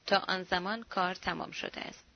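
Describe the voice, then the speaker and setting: A woman's voice: fairly low pitch, steady tone, muffled recording, lightly acted. A woman reading the part of a cool, self-assured male rebel agent who gives orders curtly. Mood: commanding. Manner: curt, authoritative.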